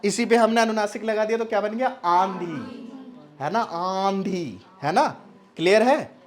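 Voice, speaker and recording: Man drilling nasal sounds in a lesson. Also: high voice. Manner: quizzes and answers himself, repeating words slowly and drawing out nasal sounds; often checks understanding with short questions. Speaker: teacher. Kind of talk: spoken language lesson.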